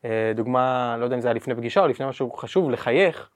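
Man, podcast host, reflective, hesitant, repeated words. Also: medium pitch. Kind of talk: podcast interview chat.

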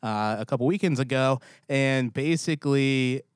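A man's voice: medium pitch, normal speed, clear, resonant tone, no echo. Laid back guy cohosting a podcast, middle voice, rambly, dead dry mic. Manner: easygoing, rambling, reads ads loosely. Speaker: podcast co-host. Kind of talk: casual chat.

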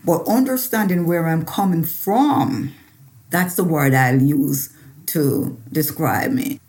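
A Jamaican woman who works as a farmer and researcher speaks personally in an interview, repeating phrases for emphasis. Her deep voice has a darkish tone and lively intonation, and she talks slowly in a Jamaican accent.

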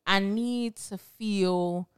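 A woman's voice: medium pitch, drawn-out words, clean tone. Tipsy Philly woman hosting a podcast. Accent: Philadelphia. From Philadelphia. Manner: frank, profane, laughing. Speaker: podcast host. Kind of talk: casual adult podcast chat.

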